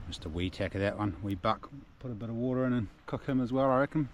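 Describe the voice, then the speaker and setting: This Kiwi vlogger speaks quickly in a mid-range voice, his broad New Zealand accent and casual slang fitting the relaxed feel of his outdoor adventure video. Ambient noise runs through the outdoor recording.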